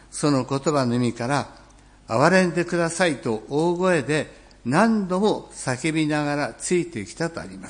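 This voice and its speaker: A male pastor giving a sermon in a measured, reflective way, slowing down on key phrases and clearing his throat now and then. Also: mid-range voice.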